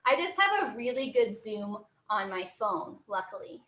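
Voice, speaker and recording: A woman's voice: mid-range voice, sing-song, normal speed, bright, forceful tone. An American woman working as a zoo educator, giving a live online lesson for children in a cheery, encouraging zookeeper manner. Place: indoor room, online video call. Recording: roomy, echoing sound.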